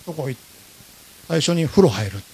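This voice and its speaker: A man's voice: a little high, moderate pace, slightly rough. A man with a Kansai accent, hosting a podcast and animatedly telling a travel story, acting out the lines of the people in it. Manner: animated, acts out his own and others' lines. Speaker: podcast host. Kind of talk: casual storytelling chat.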